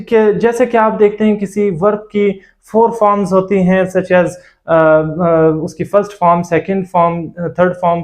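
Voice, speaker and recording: A man teaching a grammar lecture, methodically going through examples one by one, with frequent filler pauses as he explains. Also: high-pitched, darkish tone.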